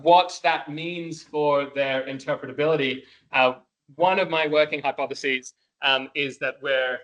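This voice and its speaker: A man's voice: fairly high pitch, steady tone, measured pace, a bit bright, lo-fi sound. Hesitant man answering conference questions. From Wales. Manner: hesitant, many fillers and restarts, laughs easily. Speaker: conference speaker. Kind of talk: academic Q&A answers.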